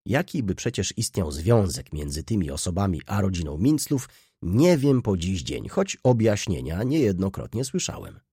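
Low, husky-voiced male storyteller. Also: no room sound, studio quality. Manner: expressive storytelling. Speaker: audiobook narrator. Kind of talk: literary audiobook reading.

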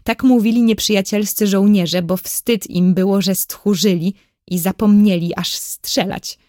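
A woman narrating a children's story as an audiobook in a clear, measured storytelling manner. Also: medium pitch, steady tone, dark tone, no room sound, clean studio sound.

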